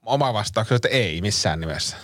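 Animated swearing man on a podcast. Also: fairly low pitch, dry recording, studio quality. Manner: swearing, animated, laughs often. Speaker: podcast co-host. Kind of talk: casual podcast chat.

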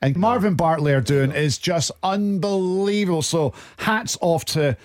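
Higher-voiced Scottish man, teasing and opinionated. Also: measured pace. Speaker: podcast co-host. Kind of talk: casual chat and football commentary.

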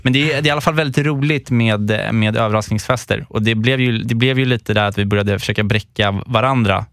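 A man's voice: mid-range voice, a bit bright, no echo, clean studio sound. A man in his twenties co-hosting a casual podcast, telling a long anecdote in a rambling way and acting out the quoted lines. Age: 20s. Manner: rambling storyteller who acts out the quotes. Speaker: podcast co-host.

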